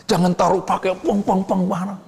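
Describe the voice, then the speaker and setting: A man preaching an animated sermon to a class, constantly asking questions and waiting for the room to answer. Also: gravelly. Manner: keeps asking the audience "betul tidak?" and pausing for answers; animated, swings between high exclamations and low asides. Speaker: preacher teaching a discipleship class. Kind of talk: lively sermon with call-and-response questions. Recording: long hall reverb.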